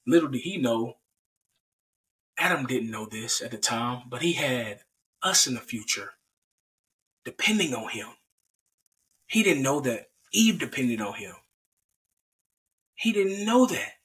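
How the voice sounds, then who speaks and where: Bright, animated male podcast host. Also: mid-range voice, measured pace, long pauses, distant mic, rough recording. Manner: animated, with frequent restarts and repeats. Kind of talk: casual Bible talk.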